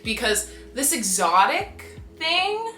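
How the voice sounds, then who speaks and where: A young woman from Canada in her twenties, talking casually to the camera in an animated, exasperated and emphatic way. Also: sits high, takes it slowly, echoey room, faint music behind. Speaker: vlogger. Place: small bright room indoors.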